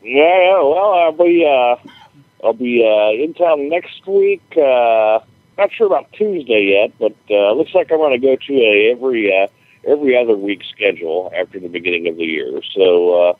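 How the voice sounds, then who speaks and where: A man's voice: mid-range voice, normal speed. A man co-hosting over a phone line, chatting casually in a hesitant, easygoing way. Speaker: show co-host calling in. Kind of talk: casual chat. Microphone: phone call. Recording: narrow, tinny phone line.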